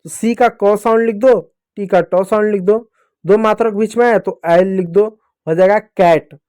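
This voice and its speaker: A young man teaches phonics to small children. He patiently repeats each rule and answers his own questions. His voice sits high but sounds mellow, recorded dry and close. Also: fairly even intonation, normal speed, smooth, no echo.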